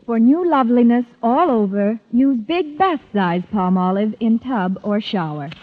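A woman's voice: on the high side, lively intonation, a little slow. A woman reading a scripted commercial as an old-time radio announcer. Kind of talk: vintage radio advertising read. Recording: thin phone-like vintage radio, faint noise.

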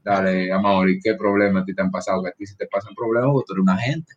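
A man's voice: low-pitched, fairly even intonation, quick pace, highs cut off, noisy background. A man with a Dominican accent chatting casually with friends and prompting them with questions.

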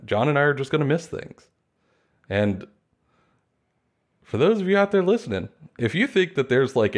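Laid-back man co-hosting a podcast. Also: medium pitch. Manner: relaxed, rambling, jokey. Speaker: podcast co-host. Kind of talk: casual podcast chat.

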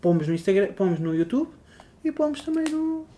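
A young man co-hosts a podcast in a light, fairly high male voice. His talk is casual, slangy and playful, in style. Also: very animated, fairly quick, dark tone, a little hiss or hum. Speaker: podcast co-host. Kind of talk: casual chat.

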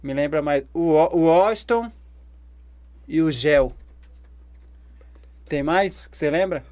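A man with a high voice talks casually as a podcast guest. He tells stories from his amateur football club in a halting, roundabout way. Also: darkish tone. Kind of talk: casual chat, telling anecdotes.

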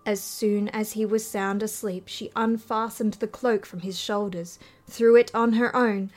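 A woman from Australia reading a fairy tale aloud in a measured, unhurried storytelling manner. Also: medium pitch, fairly even intonation. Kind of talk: fairy tale audiobook narration.

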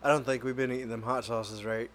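A man hosting a casual podcast, excitable and swearing freely, teary from eating very spicy jerky. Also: medium pitch, quick pace, a little hiss or hum. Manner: excitable, swears a lot, yelps. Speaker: podcast host.

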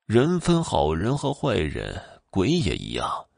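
A man voicing a menacing old woman ghost with fangs, speaking in drawn-out, sinister tones. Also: low voice, wildly swooping pitch, vocal fry, a little mellow, dry recording, clean studio sound, full character voice. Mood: reassuring.

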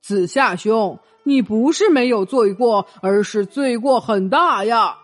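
A woman's voice: fairly high pitch, measured pace, soft background music, voice pushed down. A woman voicing a serious, admonishing ancient male scholar in a children's story. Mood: earnest. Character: stern earnest ancient male scholar friend.

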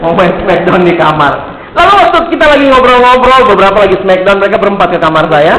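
A man giving a humorous youth sermon, telling stories in a lively way, teasing his listeners and asking rhetorical questions. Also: high-pitched, quick pace. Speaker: youth speaker. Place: large hall. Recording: echoey hall, faint background hum.

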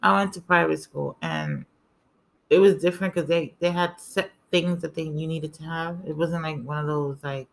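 A middle-aged woman from the Bronx with a New York and Spanish-tinged accent, co-hosting a casual chat and telling stories in an animated way. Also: sits low, moderate pace, vocal fry. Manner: animated storytelling with lively asides. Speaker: podcast co-host.

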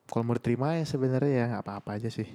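A man's voice: medium pitch, very fast, mellow. A man, a filmmaker guest, chatting in an easygoing way and laughing often. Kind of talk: casual chat. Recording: long hall reverb.

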